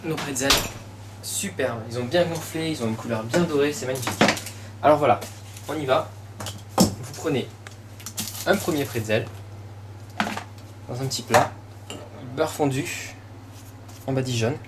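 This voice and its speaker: A man with a French accent presents a recipe step by step as a cooking host. His voice sits at an average male pitch, and his delivery is informal and encouraging, dotted with little interjections. Clear kitchen noise runs behind him. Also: a little slow, pauses often. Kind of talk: casual step-by-step recipe demonstration. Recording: clearly noisy room ambience behind voice.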